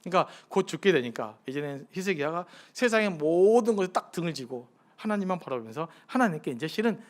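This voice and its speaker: High-voiced pastor preaching conversationally. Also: male voice, lively intonation, fast. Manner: conversational preaching with rhetorical questions to the congregation; acts out pleading prayers in a hushed, softened voice. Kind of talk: sermon at a midweek prayer service.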